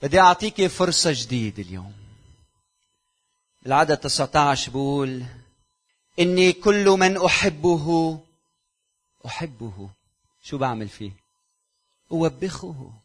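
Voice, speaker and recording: A man with a Lebanese Arabic accent, preaching a sermon to his congregation, firing rhetorical questions and dropping from loud exhortation to near-whispers. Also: on the high side. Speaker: pastor.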